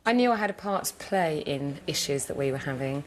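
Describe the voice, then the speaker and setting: A woman's voice: low voice, animated, a little fast. A British woman, a mother, talking frankly and reflectively in a reality TV interview. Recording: noisy background.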